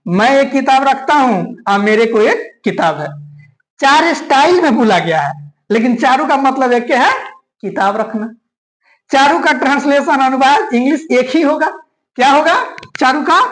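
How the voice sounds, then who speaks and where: Lively woman teaching grammar. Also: high-pitched, echoey room, poor audio. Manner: repeats key points, checks in with listeners. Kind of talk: classroom grammar lesson.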